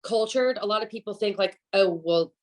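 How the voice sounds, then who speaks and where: A woman with a Southern US accent from Alabama speaks in a mid-range voice at a moderate pace. She's a chef appearing as a guest on a casual podcast, chatty and emphatic about her opinions.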